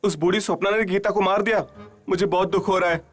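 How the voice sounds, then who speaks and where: A man's voice: sits high, steady tone, quick pace, close to an everyday voice. An actor dubbing a lovesick young man who calls out dramatically and broods over a story's ending. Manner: dramatic, pleading cries. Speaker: dubbed film character. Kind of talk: Hindi film dubbing. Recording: film soundtrack with faint music.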